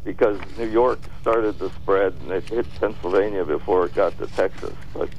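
A man calling into a radio talk show, speaking casually in a halting, hesitant way. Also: deep voice, steady tone, a little mellow. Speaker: caller. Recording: muffled phone call with vehicle noise.

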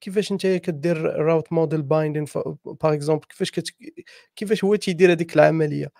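A man's voice: on the high side, fairly even intonation, rapid-fire, creaky, dark tone, no echo. A man with a Moroccan accent giving advice in a casual discussion, explaining with stumbling repetitions.

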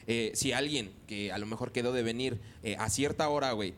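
A man from northern Mexico, host of a casual podcast chat, who talks loudly and peppers every phrase with crude slang. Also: medium pitch, brisk, slight background noise. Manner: crude slang-heavy, says güey constantly; talks loud by habit.

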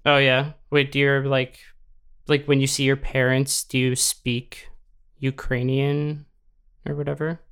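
Woman, casual interviewer, clear smooth tone, lots of vocal fry. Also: extremely low pitch, flat delivery, a little slow. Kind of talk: casual chat.

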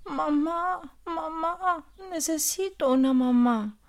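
A woman's voice: high-pitched, lively intonation, slow, voice pushed up. A woman voicing a lonely little male bird chick in a children's story, asking plaintive questions. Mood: tearful hope.

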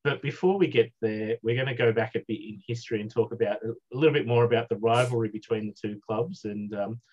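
A man co-hosting a podcast over a video call, steering the talk in a measured way. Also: medium pitch, steady tone, darkish tone. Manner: measured, leads the discussion. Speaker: podcast co-host. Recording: dull lo-fi video call audio.

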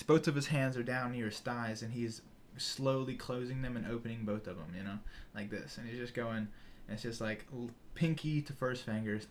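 A man's voice: mid-range voice, a little hiss or hum. A young man, a podcast guest, telling a story in casual chat, swearing freely and acting out the people in it. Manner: animated, profane, acts out voices in his story.

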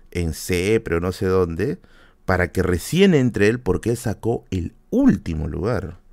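A young man with a fairly low voice tells a family story in a relaxed, casual way. His pitch swings widely, leaping high whenever he acts out what someone said. The sound is dry and close, with no room around it. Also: no room sound. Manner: animated, jumps high when quoting people, repeats words, laughs often. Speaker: podcast host.

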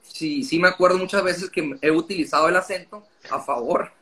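A man's voice: a little high, fairly quick, a bit bright. A man explaining his views in casual conversation, talkative and often breaking off mid-sentence. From Mexico.

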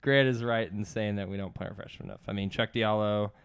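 A man's voice: fairly low pitch, steady tone, quick pace, gravelly, a little hiss or hum. A man co-hosting a casual sports podcast, making earnest points backed by stats. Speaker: podcast co-host.

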